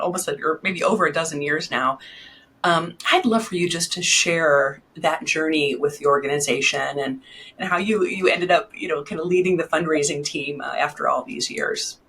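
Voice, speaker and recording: A woman's voice: low voice, a bit bright, husky. A woman hosting a podcast, talking with enthusiasm and frequent ums as she introduces and interviews a guest. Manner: enthusiastic, many ums and restarts. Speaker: podcast host and fundraising consultant.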